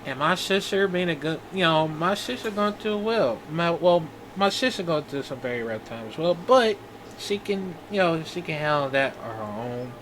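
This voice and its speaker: A man in his twenties talking in a personal video diary, halting and rambling with many restarts. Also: a little high, animated, a bit bright, slight background noise, low-quality recording. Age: 20s. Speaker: vlogger.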